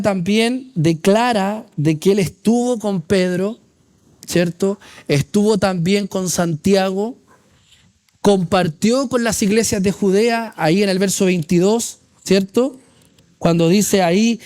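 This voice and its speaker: With a mid-range, slightly mellow voice, a teacher reads Bible verses aloud in a class lecture, unpacking them with rhetorical questions and regular check-ins with the students.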